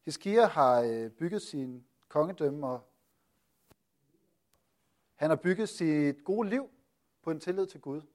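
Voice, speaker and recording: A man preaching and teaching on a Bible passage, asking lively rhetorical questions and pausing often with hesitations. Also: a little high.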